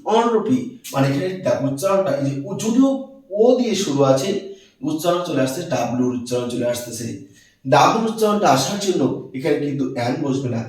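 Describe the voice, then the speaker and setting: A man teaching a lesson, his fairly high voice set back from the mic in a very echoey room. He poses questions and answers them himself, drawing out and repeating each word. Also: far from the mic. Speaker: English teacher. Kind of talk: classroom-style grammar lesson.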